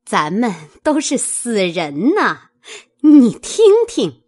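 Brief: woman doing a fierce noble lady, cutting and scornful, husky voice, pitch jumps high. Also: very animated, slow, a little mellow, full character voice. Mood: scolding, mocking. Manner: scolding, mocking, cutting. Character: fierce sharp-tongued noble lady, domineering.

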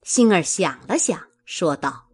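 Slow, husky woman storyteller. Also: lowish voice. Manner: measured, expressive. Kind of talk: storytelling narration of a classic novel.

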